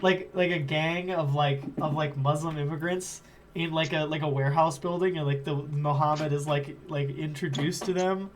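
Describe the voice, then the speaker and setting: A man's voice: a little high, steady tone, moderate pace, slight background noise. A man co-hosting a casual podcast, rambling with lots of fillers and frequent giggles. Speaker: podcast co-host. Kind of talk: casual chat.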